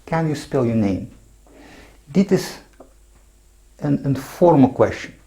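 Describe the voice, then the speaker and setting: A man teaching a language lesson, slowly spelling words out letter by letter. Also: medium pitch, animated, vocal fry, warm tone. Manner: slow, emphatic, spells letters out one by one.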